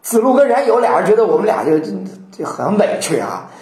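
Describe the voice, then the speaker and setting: A woman gives a lively storytelling lecture on classical poetry, acting out the quotations as she goes. Her pitch swings widely from line to line, though it sits in a middle register. The room adds a clear echo. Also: brisk. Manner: animated, acts out quotations. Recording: roomy echo.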